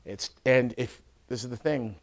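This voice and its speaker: A man, an Orthodox priest, teaching in a conversational way, often checking that listeners follow and acting out scenes loudly. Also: mid-range voice, moderate pace. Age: adult with a school-age son. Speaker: Orthodox priest giving a talk.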